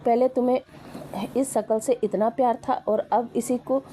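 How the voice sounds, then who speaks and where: A woman's voice: on the high side, steady tone, normal speed, mellow, a little hiss or hum, natural voice. A woman voicing a theatrical young man who pleads and schemes. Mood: defiant.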